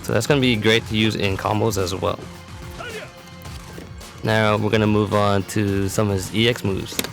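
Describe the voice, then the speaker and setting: A competitive gamer presents a character demo for a fighting game tutorial, giving matter-of-fact, instructional commentary over background music. His voice is lowish with vocal fry, little pitch movement, and a moderate pace.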